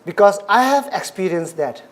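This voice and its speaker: A Buddhist lecturer from Nepal speaks at a middle pitch and moderate pace. In the manner of a dharma class, his steady, earnest talk comes in short, plain, repeated phrases.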